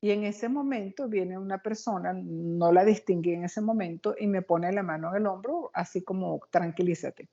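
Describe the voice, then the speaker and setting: Warm-voiced woman telling an excitable story. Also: mid-range voice, muffled recording. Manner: animated, quick, excitable retelling. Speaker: interview guest. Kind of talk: personal storytelling in an interview.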